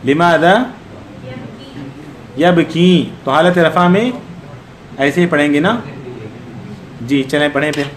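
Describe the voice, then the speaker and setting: Higher-voiced man teaching grammar in an echoey room. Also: slow pace, pauses often. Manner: quizzes students, corrects patiently. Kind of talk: online Arabic grammar class.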